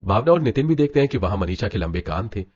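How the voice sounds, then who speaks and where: A man narrating a scripted animated story in a brisk storytelling manner. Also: lowish voice. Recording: dull lo-fi with music.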